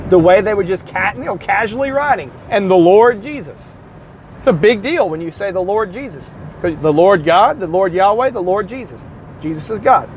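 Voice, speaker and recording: Southern man teaching a Bible class, talks in a fairly high register, explains patiently, dull recording. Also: a little hiss or hum. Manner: explanatory, spells out letters, self-correcting asides. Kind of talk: classroom lecture.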